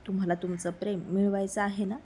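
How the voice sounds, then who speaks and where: A woman's voice: mid-range voice, flat delivery, fast, mellow, slight background noise, lightly acted. A woman voicing a playful, teasing younger sister who plots a matchmaking scheme, in a spoken romance story.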